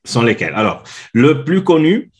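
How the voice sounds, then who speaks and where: This guest, an Italian customer experience consultant in his forties, chats in French with an Italian accent during a casual interview. His slightly rough, medium voice swings widely in pitch at normal speed, and his speech is hesitant, full of filler sounds and restarts.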